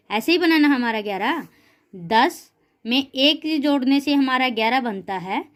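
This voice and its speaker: A woman teaching a class of children in a patient, encouraging way, slowly as she drills the words and calling her students "beta ji". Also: high-pitched.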